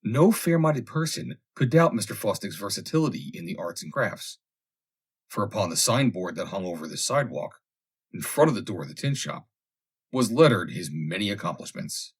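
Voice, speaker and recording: A husky-voiced man narrates a funny vintage story like an audiobook reader, delivering it theatrically and deliberately with emphatic phrasing. His voice sits fairly low and swings widely in pitch.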